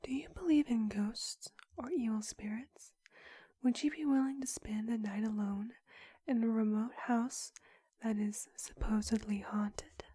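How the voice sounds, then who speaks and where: A young woman whispers close to the mic in a breathy, mellow voice, slightly high. She plays a clinic counselor in ASMR roleplay and asks slow questions with unhurried pauses. The sound is dry and intimate. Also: fairly even intonation, no echo. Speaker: ASMR creator.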